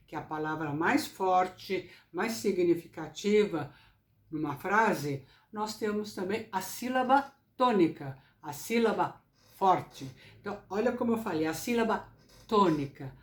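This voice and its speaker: A woman teaching public speaking in a recorded lesson, speaking slowly and deliberately with careful articulation. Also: lowish voice. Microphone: camera. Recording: echoey room sound.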